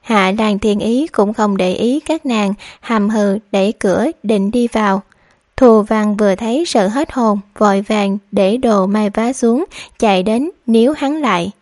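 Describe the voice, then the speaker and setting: A woman narrating a novel audiobook in a steady, even reading manner. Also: medium pitch, a little slow, no echo, studio quality.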